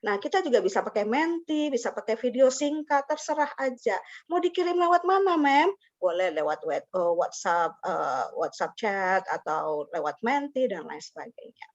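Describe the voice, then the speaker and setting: A woman presents a teacher-training webinar online in a fairly high voice with big pitch swings and a moderate pace. She's conversational and laughs frequently, weaving in English words. The recording comes through a video call and sounds a little dull and lo-fi.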